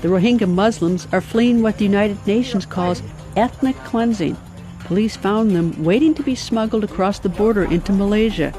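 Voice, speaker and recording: A woman reading scripted documentary narration in a measured, even way. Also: mid-range voice, soft background music.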